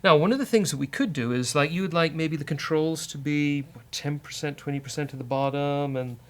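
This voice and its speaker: Over steady typing and mouse clicks, the British host of a coding show jokes and thinks out loud during a relaxed live coding walkthrough. His voice is fairly high and a bit bright, and he talks a little fast.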